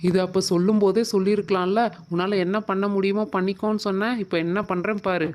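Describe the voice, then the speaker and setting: Lady voicing a bossy schoolboy bully in a doll show, threatening, mid pitch. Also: fairly even intonation, fast talker, darkish tone, slight background noise, natural voice. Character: hot-tempered schoolboy bully.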